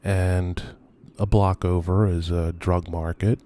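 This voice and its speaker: A man with a very low, mellow voice narrates an exploration tour off the cuff. He speaks slowly and haltingly, musing as he goes and often sinking toward a murmur. Faint background noise sits behind him. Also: flat delivery. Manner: hesitant, halting, musing delivery with trailing phrases. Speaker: video host and urban explorer. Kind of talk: unscripted narrated tour of abandoned houses. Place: on location at night around abandoned row houses. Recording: noisy ambient location recording.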